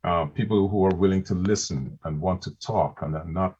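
A man's voice: low-pitched, normal speed, darkish tone, a little hiss or hum. A man co-hosting a casual podcast discussion, speaking hesitantly with many restarts and repeated words. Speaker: podcast co-host. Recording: muffled lo-fi podcast recording.

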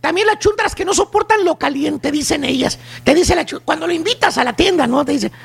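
A man with a Mexican accent rattles off a teasing comedy bit, his voice pitched extremely high and full of gravelly fry. He mocks as he goes, tagging almost every line with "güey". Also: a little fast. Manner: mocking, teasing, peppers lines with "güey". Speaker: comedy segment performer on a morning radio show. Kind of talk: comic monologue with mocking quoted voices.

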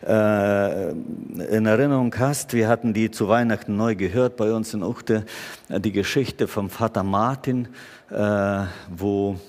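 Slow preacher in echoing hall. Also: male voice, fairly low pitch, darkish tone. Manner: addresses listeners directly with questions, slow and deliberate. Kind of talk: sermon.

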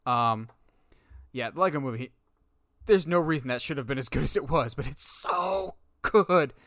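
A man's voice: medium pitch, a little fast, no room sound, studio quality. A young man animatedly telling stories in a casual podcast chat. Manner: animated, excitable storyteller. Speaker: podcast co-host.

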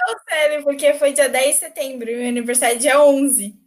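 A young woman, a new lawyer, telling a story in animated casual chat and laughing often. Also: sits high, brisk. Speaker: newly qualified lawyer, podcast guest.

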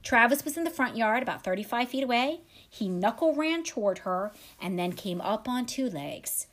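A woman's voice: fairly high pitch, lively intonation, normal speed, fairly bright tone. A woman podcast host retelling a true crime story with wry side comments. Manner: dramatic retelling with wry asides.

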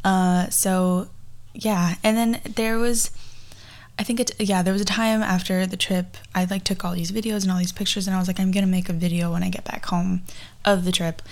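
Young woman, early 20s, chatty rambly podcast host recording in her garage, medium pitch. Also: level tone, normal speed. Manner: chatty and rambling, frequently backtracking. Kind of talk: casual personal storytelling podcast.

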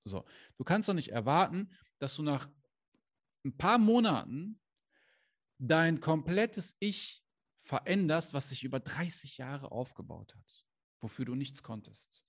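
A man's voice: fairly high pitch, big pitch swings, unhurried. A man speaking as a life coach straight to the camera, earnest and direct, asking rhetorical questions and dropping into emphatic bursts, with Islamic phrases woven in. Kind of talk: motivational coaching talk to camera. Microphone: camera he adjusts himself.

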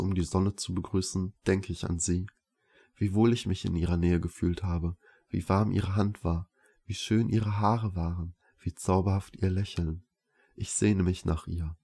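A man calmly reading a first-person story aloud as narrator, in a measured pace. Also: sits low.

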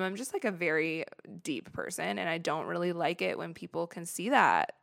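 A young woman hosts a solo podcast, talking candidly and chattily about her fears in a confessional, casual way with some swearing. Her voice is lowish, creaky and a bit bright. The recording is studio quality with no echo.

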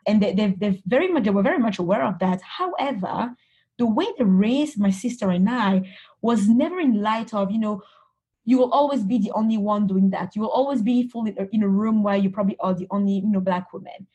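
A woman's voice: mid-range voice, a little fast, mellow, slightly rough. A woman from Cameroon, a guest in an interview, answering reflectively with frequent restarts and "you know" fillers.

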